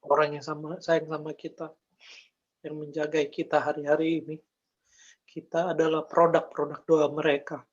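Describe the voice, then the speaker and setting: A man with a fairly high voice gives an emotional faith testimony, speaking earnestly and directly to listeners he calls brother and sis, repeating phrases as he goes. His delivery is completely flat at normal speed, and the recording is muffled.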